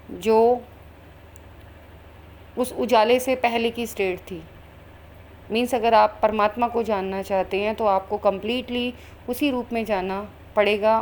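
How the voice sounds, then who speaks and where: Here a spiritual channel host, a woman of medium pitch, describes something she saw while meditating. There's a bit of background noise, and her earnest, flowing speech blends Hindi with English and is full of fillers.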